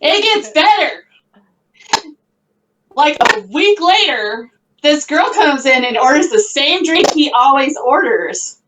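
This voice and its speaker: A woman's voice: sits high, expressive, slow, long pauses, distant mic, noisy background. A woman telling a story in casual chat, swearing constantly and mimicking the people she talks about. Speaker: podcast co-host telling a story.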